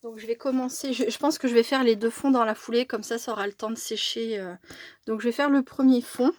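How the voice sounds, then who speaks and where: A woman with a slightly high voice talks her way through a craft project, chatty and unhurried, with fillers and small self-corrections. Faint noise sits under the recording. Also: fairly even intonation, a little mellow. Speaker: crafting YouTuber. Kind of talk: casual craft tutorial narration.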